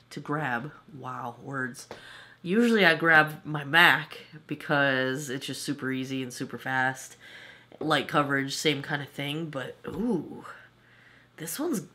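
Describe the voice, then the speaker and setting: A beauty vlogger in her forties gives a chatty, self-amused makeup review from her home vanity. Her low-pitched voice has vocal fry and sounds pushed and bright, though slightly off from a cold.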